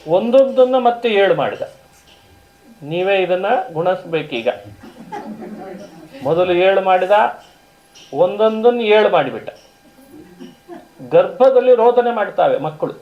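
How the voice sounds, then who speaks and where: A man's voice: sits high, expressive, a little slow, long pauses, muffled recording, slight background noise. A man giving a storytelling sermon. He retells a story with quoted dialogue, explains Sanskrit terms and asks his listeners rhetorical questions. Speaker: religious discourse speaker.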